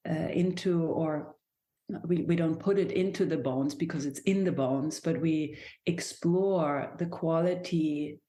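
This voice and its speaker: In a reflective podcast conversation, a German woman who teaches dance and movement speaks English, her second language, in a voice that sits low with a dark tone. She hesitates and often starts over while searching for the right words.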